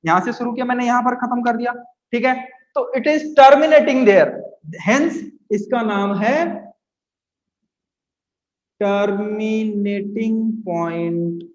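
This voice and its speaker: A man teaching physics to students, coaxing them along and slowly repeating key terms. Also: extremely high pitch, fairly even intonation. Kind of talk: classroom lecture to students. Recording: echoey room, dull lo-fi sound.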